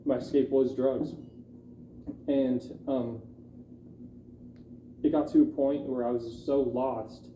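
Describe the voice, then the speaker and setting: A young man telling his personal testimony in a halting, candid way, with many fillers. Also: mid-range voice, steady tone, dark tone, a little hiss or hum. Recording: dull echoey room recording.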